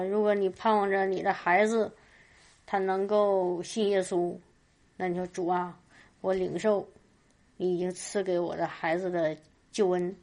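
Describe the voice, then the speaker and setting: A woman's voice: medium pitch, darkish tone. A woman preaching at a church meeting in a fervent testimony style, often crying out hallelujah and stumbling over repeated words. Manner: stammers and repeats words while talking.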